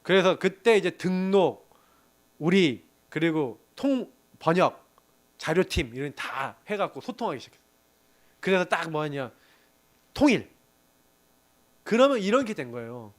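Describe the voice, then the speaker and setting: A middle-aged man preaching to a young adults group, telling animated stories and often laughing. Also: on the high side, a little slow, long pauses. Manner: animated storytelling with laughs and acted quotes. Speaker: pastor.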